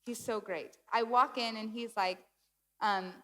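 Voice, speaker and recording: A woman giving a sermon in a church, telling a personal story in an animated, self-deprecating way. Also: on the high side, unhurried, long reverb tail. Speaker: guest speaker. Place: church sanctuary.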